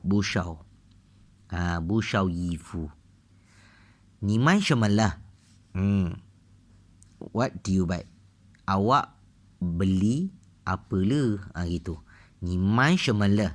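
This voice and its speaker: A man with a Malaysian accent tutoring a beginner language lesson, repeating each phrase several times and switching between languages as he explains. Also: on the low side. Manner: drills phrases by repeating them, mixes languages. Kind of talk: casual lesson walkthrough.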